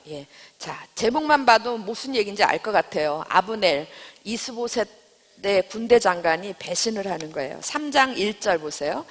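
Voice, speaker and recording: A woman leading a church Bible lesson, checking in with her class and turning old scripture into everyday talk. Her voice sits at a middle pitch for a woman. A long reverb trails after her words, as in a church hall. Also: a bit bright. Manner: asks the class questions and paraphrases scripture in everyday speech. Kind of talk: Bible study lecture.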